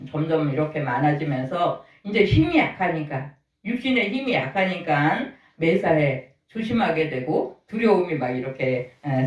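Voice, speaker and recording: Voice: mid-range voice, lo-fi sound. Pastor, 60s, chatty sermon, questions to the congregation, echoey sanctuary, distant mic. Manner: folksy, asks the congregation questions. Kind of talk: conversational sermon. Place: church sanctuary. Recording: roomy echo, voice from far off.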